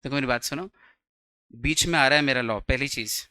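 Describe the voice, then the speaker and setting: A man's voice: mid-range voice, a little fast, bright, forceful tone, smooth, dry recording. A young man teaching a law class, chatty and teasing, quizzing his students with jokes.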